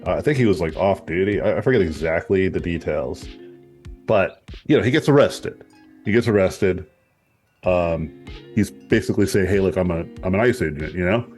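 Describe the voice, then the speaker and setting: A man's voice: sits low, moderate pace, darkish tone, faint music behind. A man in a casual group discussion, talking in a rambling, reflective way and swearing now and then.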